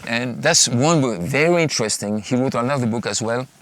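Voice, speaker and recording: A pastor and former math teacher from France with a French accent, answering interview questions in a thoughtful, halting way with many restarts. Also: male voice, mid-range voice.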